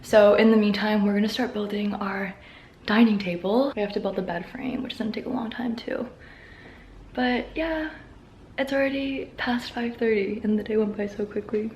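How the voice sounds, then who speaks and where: A woman's voice: medium pitch, moderate pace, darkish tone, a little hiss or hum. A young woman chatting casually to a handheld camera, upbeat and filler-heavy, sometimes tired and breathless. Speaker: vlogger. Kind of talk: casual vlog narration. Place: around the city, indoors and outdoors. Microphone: handheld camera mic.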